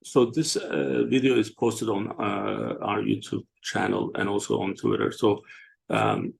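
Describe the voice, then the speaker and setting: A man from Turkey, hosting a casual online discussion and talking haltingly with many fillers and restarts. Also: on the low side, steady tone. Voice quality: gravelly, husky. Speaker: show host.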